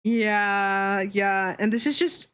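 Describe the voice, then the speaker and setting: This livestreamer's medium-pitched voice is clean and fairly bright, but her delivery is flat and she takes it slowly. Hosting as a VTuber, she chats casually, swearing freely, offering blunt opinions and repeating things to drive them home.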